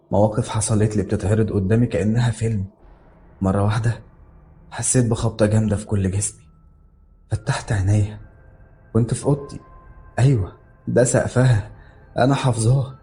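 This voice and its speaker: Fast, dark-voiced Egyptian male narrator. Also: on the low side, slight background noise. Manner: dramatic, tense reading. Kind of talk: scripted horror story narration. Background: faint background music.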